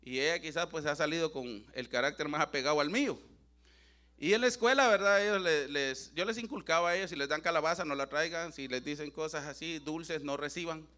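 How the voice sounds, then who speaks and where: A man's voice: fairly high pitch, a little fast, bright, forceful tone. A middle-aged man with a Central American Spanish accent preaches a sermon in church in an earnest, conversational way. He keeps addressing the congregation as brothers and adds a habitual tag question.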